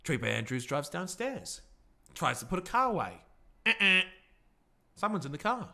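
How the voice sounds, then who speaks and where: Man, raised pitch, gravelly, animated storytelling, swearing, shouty bursts. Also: normal speed. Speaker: roleplay character telling a story.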